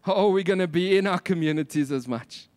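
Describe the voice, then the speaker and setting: High-pitched South African Afrikaans preacher, a man. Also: a little fast, darkish tone, dry recording. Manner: emphatic rhetorical questioning and repetition. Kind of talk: sermon.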